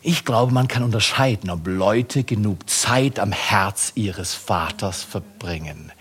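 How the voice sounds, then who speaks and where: A middle-aged man preaching a sermon to his congregation, swinging between lively raised passages and quiet, hushed ones. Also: lowish voice, slow, slightly rough. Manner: lively preaching with sudden rises and hushed drops. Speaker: pastor.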